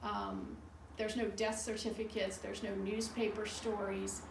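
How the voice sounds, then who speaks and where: A woman leading a tour relates local legends informally and skeptically, in a matter-of-fact, conversational manner. Her gravelly mid-range voice stays level and unhurried. She's in an indoor room of an old bar building, and the distant recording carries roomy echo and faint noise.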